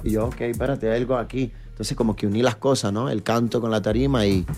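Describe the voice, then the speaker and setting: A man from New York, a reggaeton artist chatting as a guest in a relaxed interview, with lots of fillers and tag questions. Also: medium pitch, fast talker. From New York, USA. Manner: animated storyteller, many fillers and tag questions. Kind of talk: casual interview chat.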